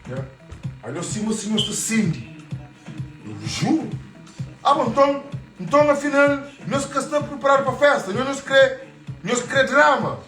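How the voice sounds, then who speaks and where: A man's voice: very high-pitched, expressive, moderate pace, long pauses. Boastful man livestreaming from home. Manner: boastful, switches between Portuguese and French. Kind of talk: casual live stream chatter. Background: faint music.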